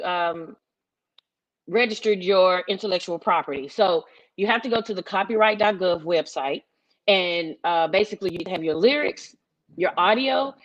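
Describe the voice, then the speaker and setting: Speaking at a workshop panel in an informal way, this music executive, a middle-aged woman from Memphis, Tennessee, explains her points with emphasis. Her pitch is medium, and the audio sounds dull.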